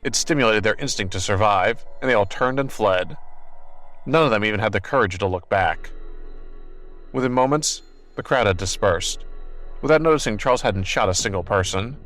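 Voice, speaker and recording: A man narrating an action novel as an audiobook in a steady, even storytelling voice. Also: on the low side, moderate pace, soft background music.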